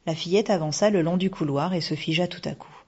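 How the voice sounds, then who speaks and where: A woman narrating a children's storybook in a steady, measured reading voice. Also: on the low side, slightly rough. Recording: dull lo-fi recording.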